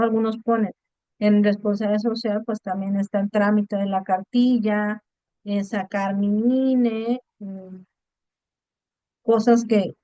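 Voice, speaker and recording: A woman's voice: medium pitch, a little mellow, no echo, muffled recording. A woman teaching an online class, explaining patiently and checking in with her students often. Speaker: online course tutor. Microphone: video call.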